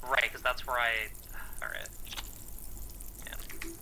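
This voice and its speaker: Brief: laid-back male gamer, very bright and tense tone, faint noise behind. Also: mid-range voice, wildly swooping pitch, takes it slowly, creaky. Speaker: co-op game player. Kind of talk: casual gaming chat.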